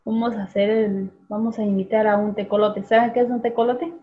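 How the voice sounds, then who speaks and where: A woman's voice: mid-range voice, fairly even intonation, a little hiss or hum. Woman teacher on a tinny call. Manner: patient, calls on students by name and repeats sounds slowly. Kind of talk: online class for students. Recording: tinny phone-like video call audio.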